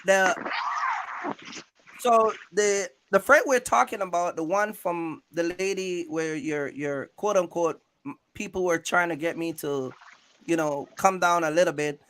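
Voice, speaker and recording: A YouTube channel host interviews a guest about trucking, rambling and repeating himself in streetwise slang while checking in often with his listener. His voice is high and fairly bright, a little slow, with a slight hiss or hum in the audio.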